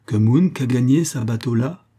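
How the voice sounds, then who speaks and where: A man doing a high-calling young boatman. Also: normal speed, mellow, breathy edge, lightly acted. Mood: answering. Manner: calls out in high broken Creole.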